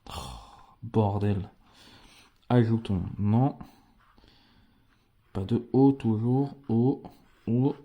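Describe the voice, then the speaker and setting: A man's voice: on the low side, drawn-out words, pauses often, highs cut off. A man hosting a scratch-card video, chatting casually to his viewers as friends and spelling out letters one by one as he scratches. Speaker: scratch-card channel host. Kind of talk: casual vlog commentary while scratching tickets.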